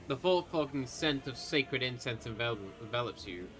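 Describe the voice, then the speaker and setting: A man's voice: mid-range voice, expressive, moderate pace, fairly bright tone. A man running a tabletop game as game master on a livestream, narrating scenes and asking questions with casual asides.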